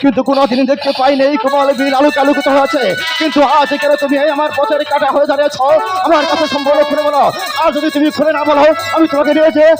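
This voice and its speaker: An imperious, demanding god in a folk stage play, with music behind him. His voice is very high and quick, and he declaims hammily, stretching lines into singsong. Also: little pitch movement. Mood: challenging, threatening. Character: Shiva, imperious wandering male god, demanding and suspicious. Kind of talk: Bengali jatra folk theatre acting.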